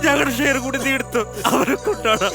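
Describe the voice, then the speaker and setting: An actor playing a rough, quarrelsome male gang member who accuses his boss. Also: very high-pitched, steady tone, brisk. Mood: accusing. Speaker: actor in a film. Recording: film soundtrack with loud music.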